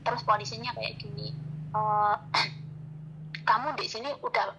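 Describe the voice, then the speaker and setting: A woman's voice: medium pitch, level tone, moderate pace, creaky, muffled recording, background noise. A woman from Indonesia in her thirties telling her own story casually, acting out both sides of a conversation and tagging each quote with "I said". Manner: recounts dialogue, repeating "aku bilang kayak gitu".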